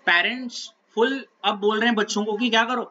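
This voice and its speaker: A man's voice: high voice, fairly even intonation, a little fast, pushed and bright, muffled recording. A male teacher giving a conversational classroom talk, often checking that his students are following. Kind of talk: classroom talk, lecture digression.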